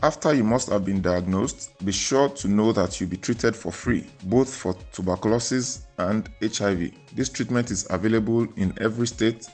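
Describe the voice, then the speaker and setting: A man's voice: lowish voice, moderate pace, hardly any pauses, a little mellow, faint music behind. A Nigerian man, a doctor, explaining public health advice to listeners.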